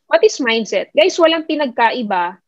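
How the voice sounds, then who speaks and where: A woman's voice: high voice, lively intonation, normal speed, dry recording, dull audio. A woman with a Filipino accent giving a motivational talk online as a mentor, mixing English into her speech and often putting questions to her listeners. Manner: repetitive, questioning the audience; mixes English into Tagalog. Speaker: network marketing mentor.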